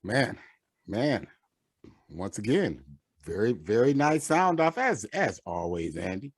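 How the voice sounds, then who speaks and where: A man co-hosting a sports talk show, animated and repetitive as he runs through picks. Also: fairly low pitch, takes it slowly, husky. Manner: animated hype, repeating words and phrases.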